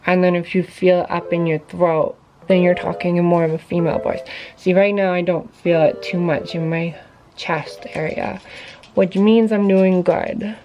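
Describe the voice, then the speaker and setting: A woman's voice: on the low side, steady tone, moderate pace, muffled recording. A woman vlogger talking casually to camera, sharing tips in an informal, chatty way with many fillers.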